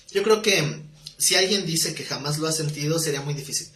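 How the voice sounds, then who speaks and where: A male preacher, his voice sitting a little higher than most men's. He preaches in an easy, conversational way, asking rhetorical questions and dropping in small jokes. The roomy sound of the hall comes through in the recording. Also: a bit bright. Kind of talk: live sermon. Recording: roomy live-stream audio.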